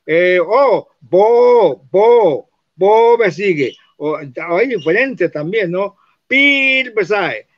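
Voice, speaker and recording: A man teaching, explaining spelling and pronunciation slowly and repeating words to show how they sound. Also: high-pitched, animated, a bit bright. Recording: dull lo-fi recording.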